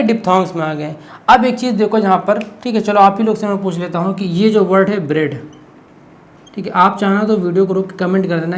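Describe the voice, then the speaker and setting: A man teaching an exam-prep lesson, explaining step by step and asking questions he answers himself. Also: sits high. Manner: explains step by step, keeps asking "what is it?" and answering, frequent "okay".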